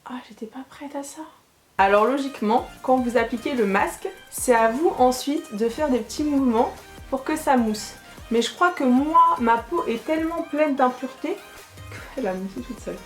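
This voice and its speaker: A playful woman chats through a casual beauty vlog, teasing herself and her viewers. Her voice sits fairly high and now and then sinks to a soft murmur. The room is echoey, with faint music underneath. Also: animated, moderate pace. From France. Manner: chatty, playful, self-mocking, calls viewers her warriors. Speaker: beauty YouTuber.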